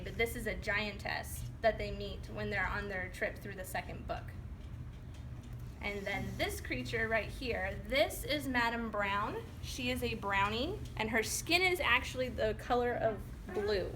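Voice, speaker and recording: With a fairly high pitch and normal speed, a children's author chats informally and encouragingly with young children during a reading at a public library. The conversational talk is captured from a distance in a noisy room, where children and general room noise are clearly audible.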